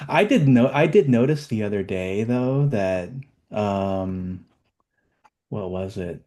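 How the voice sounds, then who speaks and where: Guy hosting a webinar, kinda low voice, chatty and upbeat, lots of ums. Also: expressive, takes it slowly, dark tone. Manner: chatty, upbeat, many fillers. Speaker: webinar host. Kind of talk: casual webinar chat.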